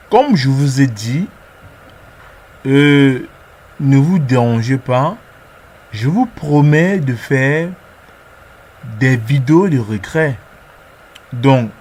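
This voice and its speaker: A man's voice: mid-range voice, a little mellow. A man narrating a screen-recorded tutorial as its presenter, talking through each step hesitantly and repeating words as he clicks.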